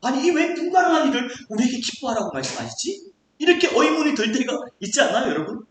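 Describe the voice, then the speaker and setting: A pastor preaching a sermon in a church, animated and acting out the voices of the people in the stories. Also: high-pitched, quick pace, very echoey, slight background noise. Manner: animated, acts out quoted voices.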